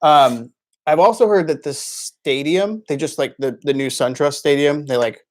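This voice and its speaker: A man's voice: on the high side, moderate pace. A man co-hosting a live stream, talking loosely about baseball with lots of fillers. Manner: loose, filler-heavy, reads viewer comments. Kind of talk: casual sports chat on a live stream.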